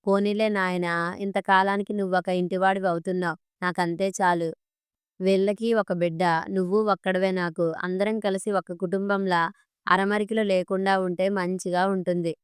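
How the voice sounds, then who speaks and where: A woman voicing an older mother in a storybook reading, talking in a soft motherly way with mild scolding. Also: mid-range voice, little pitch movement, normal speed, clean tone, dry recording, studio quality, lightly acted. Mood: fond.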